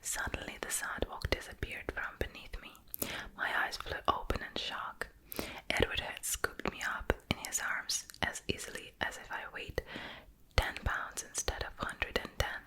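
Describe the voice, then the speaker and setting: An ASMR creator reads a novel aloud as a whispered role-play, her slow, gentle, unvoiced whisper captured on a close mic that moves from ear to ear.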